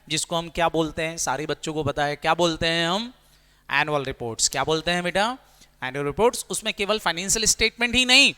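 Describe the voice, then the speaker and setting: A man's voice: fairly high pitch, sharp tone, clean tone. A male commerce teacher giving a classroom lecture, quizzing students with repeated questions and stretching key words for emphasis. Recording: long reverb.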